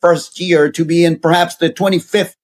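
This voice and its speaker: Earnest guy, lots of uhs, slightly high voice. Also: steady tone, normal speed, slight background noise. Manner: earnest, hesitant with many fillers. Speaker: guest, university center director. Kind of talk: conversational interview storytelling.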